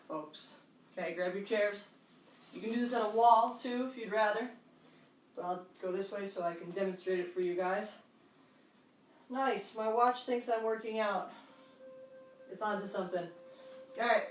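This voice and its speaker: An aerobics instructor leading a workout, counting out moves and cueing them in short, encouraging phrases. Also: mid-range voice. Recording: echoey room, distant microphone.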